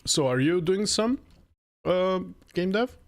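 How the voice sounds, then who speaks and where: A Croatian man in his late thirties, learning game development, chats casually and a bit hesitantly on a livestream while working at his desk indoors. His voice sits high and sounds animated, and he speaks slowly. He's picked up by a close desk mic mounted on an arm.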